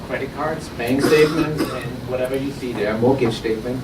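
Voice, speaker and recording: Fairly quick and loose, an Austrian-accented man pitches his startup live, frequently restarting and repeating words as he chats. The conference room at the innovation event is roomy and echoing, and he sounds set back from the mic. Air hiss and room noise hum steadily through the noisy audience recording.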